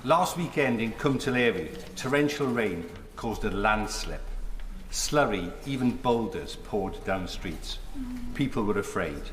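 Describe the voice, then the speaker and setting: Low-voiced man in echoing chamber. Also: expressive, takes it slowly, slight background noise. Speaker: member of parliament. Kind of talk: formal prepared parliamentary question. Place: large debating chamber. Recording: very echoey large hall.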